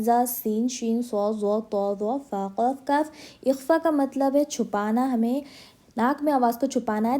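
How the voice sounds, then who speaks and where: A woman's voice: sits high, warm tone. A woman with an Indian accent teaching Quran recitation, patiently sounding out syllable after syllable for her students to copy. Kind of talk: slow drilling lesson.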